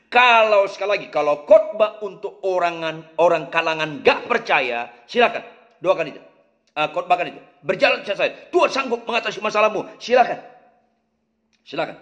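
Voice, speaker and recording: Emphatic high-voiced pastor preaching. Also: male voice, fairly bright tone. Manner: emphatic, repeats key phrases, drawn-out stresses. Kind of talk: sermon.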